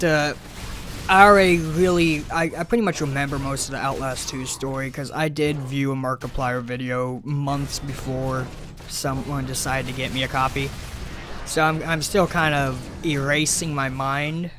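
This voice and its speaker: A man's voice: on the high side, a bit bright, slight background noise. Rambling, stammering gamer guy. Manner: rambling, stammering, many fillers. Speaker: gaming video creator. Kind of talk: rambling commentary over gameplay. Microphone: home mic without pop filter.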